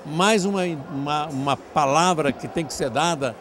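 A man's voice: a little high, moderate pace. Effusive older man at a noisy event. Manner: effusive, grateful, talks in long flowing runs. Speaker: event organizer being interviewed. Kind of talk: outdoor event interview. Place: large covered event hall, crowded charity dinner. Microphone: handheld mic.

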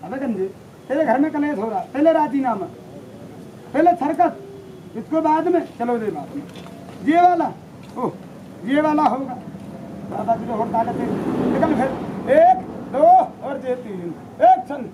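A man from India working as a street monkey showman, bantering loudly with a crowd and teasing and scolding as he jokes. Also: very high voice, lively intonation, measured pace, pauses often. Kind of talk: street performance patter to a crowd. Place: outdoor street show. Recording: noisy outdoor street recording with traffic. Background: crowd ambience and passing vehicles.

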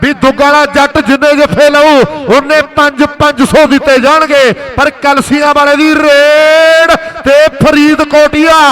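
A man with a Punjabi accent giving excited live kabaddi commentary, chanting names and cheers over and over. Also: very high voice, unhurried, hardly any pauses. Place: outdoor kabaddi ground. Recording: crowd noise around the commentary.

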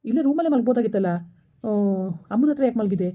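A woman acting as a defensive, stubborn young husband in a village family drama, talking in a quick, insistent, argumentative way. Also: fairly high pitch, expressive. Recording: dull lo-fi recording.

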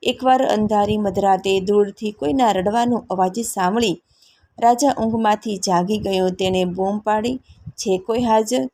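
A woman narrating a folk tale in a steady, measured storybook reading. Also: mid-range voice.

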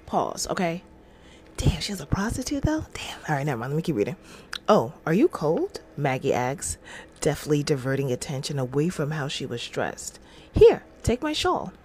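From a small room in her home, a middle-aged livestream host reads devotional material aloud and chats informally between passages. Her low voice swoops wildly in pitch at a normal speed, sounds a little mellow, and carries slight background noise.

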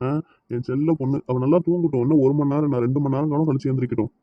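A man's voice: medium pitch, very fast, dull audio, slight background noise, close to an everyday voice. A man voicing an easygoing, teasing father in a cartoon, with a Kanyakumari Tamil accent. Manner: calm, teasing.

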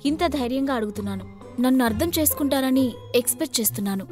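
A woman's voice: high-pitched, fast talker, music in the background, lightly acted. A woman voicing an arrogant young rich man who asks for a married woman's hand, speaking over-politely and sure of himself. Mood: smooth, courteous. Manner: overly polite, smooth and self-assured.

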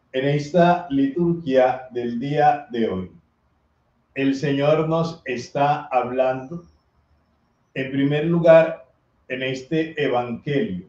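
A priest reads the gospel and gives a homily, speaking earnestly and sometimes shouting out the voices of people in the story. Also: male voice. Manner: slow, earnest preaching that acts out voices from the story in a high, loud shout. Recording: echoey, slightly dull recording.

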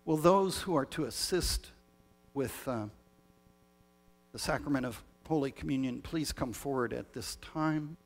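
Husky male pastor in cathedral echo. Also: medium pitch. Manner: measured, solemn liturgical reading with small restarts. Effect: long cathedral-like echo. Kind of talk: leading a communion liturgy. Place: church sanctuary. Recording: long reverb of a large church.

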